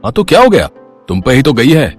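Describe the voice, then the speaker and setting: An easygoing middle-aged father in a cartoon story, as a man acts him out, jovial and fond of teasing. His mid-pitched voice moves in an animated way, with faint music underneath. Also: quick pace, slightly rough.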